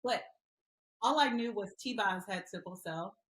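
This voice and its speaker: A middle-aged woman from Liberia answering interview questions in an earnest, pausing way. Her voice sits in the middle of the range and carries an echoey room sound. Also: mid-range voice, a bit bright. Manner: earnest, with many "um" pauses. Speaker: guest, mother and advocate.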